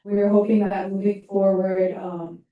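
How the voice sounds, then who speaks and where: A woman's voice: medium pitch, little pitch movement, phone-quality sound. Earnest young woman in an echoey hall. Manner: earnest, halting with fillers. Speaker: student club speaker. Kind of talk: public comment at a meeting. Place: large meeting room. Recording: echoey hall, mic from a distance.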